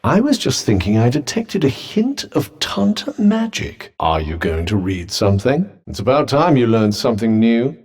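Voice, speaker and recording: A man's voice: mid-range voice, darkish tone. A British man playing a sardonic, erudite sentient magical cuff in a video game, speaking formally with dry condescension. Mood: brisk, condescending. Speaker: video game companion character. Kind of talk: scripted video game dialogue. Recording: long echoing reverb.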